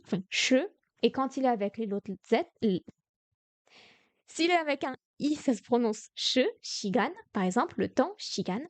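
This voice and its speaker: A young French woman teaches Korean grammar on a live stream, her fairly high voice slightly mellow and free of room sound. She explains patiently but sounds tired, hesitating and restarting often.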